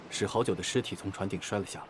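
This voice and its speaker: An actor voicing a calm, composed male investigator who speaks in a steady, reassuring way in a story game. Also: sits low, rapid-fire, noisy background, natural voice. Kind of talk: game voice acting. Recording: game audio with music behind.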